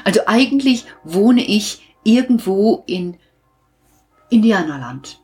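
A woman voicing a gentle, enchanted man in a children's story, calmly explaining himself. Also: mid-range voice, takes it slowly, faint music behind, pitched above the performer's own voice. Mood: patient, explaining. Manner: patient, explaining. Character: gentle, patient enchanted man far from home. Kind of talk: storybook reading.

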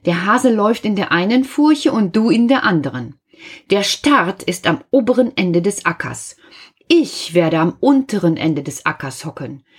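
A woman voicing a brisk, clever hedgehog wife. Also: mid-range voice, sing-song, breathy edge. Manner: brisk and no-nonsense.

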